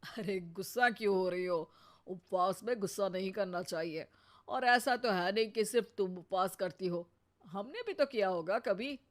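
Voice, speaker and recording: A woman's voice: medium pitch, normal speed, close to an everyday voice. A woman voicing a sarcastic older father-in-law in a cartoon, teasing his wife. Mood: lecturing.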